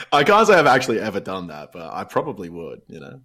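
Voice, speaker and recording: A young man with a very low, deep voice, chatting casually. He sounds laid-back and slangy, with swearing dropped in freely. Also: huge pitch swings, fairly quick, sharp tone. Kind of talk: casual chat.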